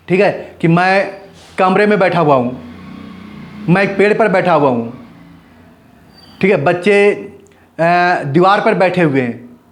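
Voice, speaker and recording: A man teaching English grammar in Hindi, often asking his students whether the point is clear and switching between Hindi and English example sentences. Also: high voice. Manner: repeats questions to the class, checks with "clear?". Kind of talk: Hindi-language grammar lesson.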